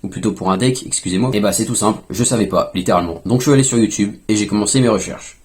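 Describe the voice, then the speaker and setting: A young man casually telling a story to his vlog audience, chatty, with quick asides to himself. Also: fairly low pitch, darkish tone. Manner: fast, chatty, self-talk asides. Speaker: fingerboard YouTuber.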